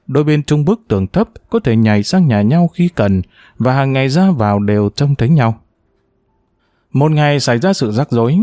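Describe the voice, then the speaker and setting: Expressive male audiobook narrator. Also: mid-range voice, dry recording, studio quality. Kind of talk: scripted narration of a novel.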